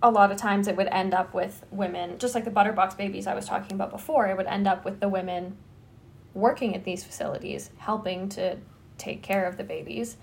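A woman's voice: mid-range voice, steady tone, brisk, gravelly. A young adult woman hosting a podcast, talking through a true-crime case in a loose, conversational way with plenty of fillers. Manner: conversational storytelling, frequent "like" fillers. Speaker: podcast host. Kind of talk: casual true-crime chat.

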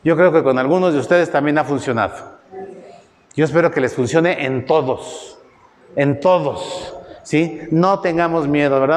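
A middle-aged man with a Mexican accent preaching a sermon, telling folksy personal stories and voicing quotes with lively tag questions. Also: a little hiss or hum. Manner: folksy storytelling, voices quotes with rising pitch, tag questions. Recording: roomy hall with faint ambience.

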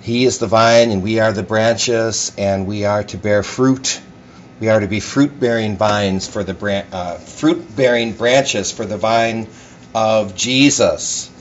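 A man's voice: on the low side, slow, dull audio, a little hiss or hum. A man speaking as a priest at Mass, addressing a congregation in scripture reading and sermon.

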